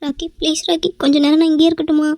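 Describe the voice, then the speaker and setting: A woman's voice: little pitch movement, rapid-fire, mellow, no room sound. A woman voicing a scheming young rival who fakes fear. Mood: pleading, frightened. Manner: whimpering and pleading, then low and sly in asides. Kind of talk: amateur cartoon voice acting.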